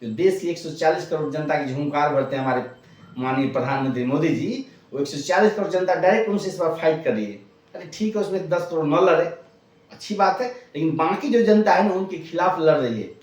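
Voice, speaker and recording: Guy ranting about politics to his viewers, keeps repeating himself, somewhat high voice, echoey room a bit off mic. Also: expressive, brisk, recorded from a distance. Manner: impassioned, exhorting, repeats phrases for emphasis. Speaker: political commentator. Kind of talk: casual political monologue to viewers.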